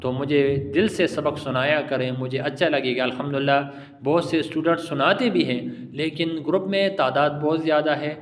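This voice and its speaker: A man teaching tajweed pronunciation in a patient, encouraging lesson, repeating letters slowly and drawn out. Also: on the high side, fairly even intonation, in a large hall. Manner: affectionate, encouraging. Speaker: Quran recitation teacher.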